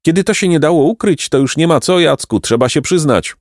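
A man's voice: on the high side, animated, a little fast, no room sound, clean studio sound, pitched above the performer's own voice, lightly acted. A man reading a storybook and voicing a lazy, cheeky peasant boy who grumbles and wheedles. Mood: wheedling. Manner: grudging, wheedling.

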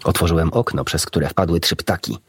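A man narrating a children's storybook in an expressive, animated reading. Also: sits low, a little fast, gravelly, husky, no echo, studio quality. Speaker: audiobook narrator.

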